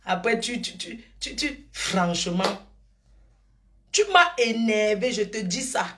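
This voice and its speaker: A woman's voice: mid-range voice, animated, slow, noisy background. Middle-aged woman streamer, gushing and rambling, drifting between affectionate asides and gossip. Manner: effusive, calls viewers endearments, drifts between topics. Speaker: live streamer. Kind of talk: rambling live-stream chat.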